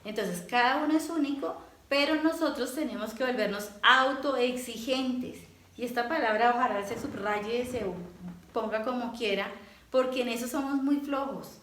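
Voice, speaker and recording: A woman's voice: a little high, normal speed, a bit bright, a little hiss or hum. Earnest woman teaching faith, echoey room. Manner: earnest, with tag questions. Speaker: prayer group leader. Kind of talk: spoken religious teaching.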